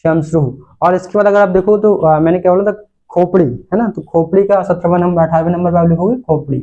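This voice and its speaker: High-voiced man teaching Sanskrit vocabulary. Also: steady tone, fast talker, mellow, lo-fi sound. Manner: repeats words, asks and answers own questions. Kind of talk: classroom lecture. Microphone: recorded lesson video.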